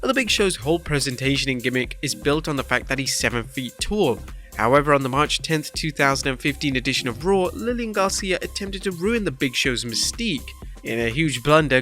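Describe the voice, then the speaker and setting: A man's voice: a little high, animated, brisk, pushed and bright, faint music behind. A man reading scripted narration for a countdown video as its narrator.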